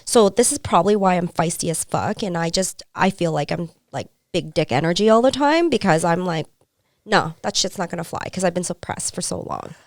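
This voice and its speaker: A loud, high-energy woman who swears freely, telling stories in a casual podcast chat. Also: lively intonation, a little fast, hardly any pauses, dry recording, studio quality. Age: adult with a son.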